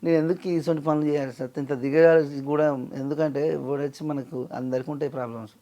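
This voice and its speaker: Fast-talking gravelly man. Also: on the high side, steady tone, dark tone, highs cut off. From Telangana, India. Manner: earnest, pleading, acts out quoted dialogue. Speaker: singer and lyricist, interview guest. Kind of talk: emotional interview talk.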